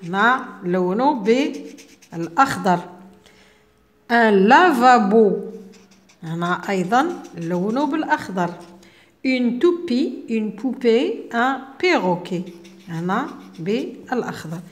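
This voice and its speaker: A woman with an Algerian accent explaining a children's French workbook exercise and pronouncing the French words slowly and carefully. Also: fairly high pitch, big pitch swings. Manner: slow, careful French pronunciation with repeated words. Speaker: teacher.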